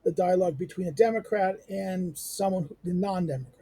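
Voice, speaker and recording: A middle-aged man giving an unscripted lecture on a text, halting with many fillers, restarts and rhetorical questions. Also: high-pitched, warm tone, breathy edge, dry recording.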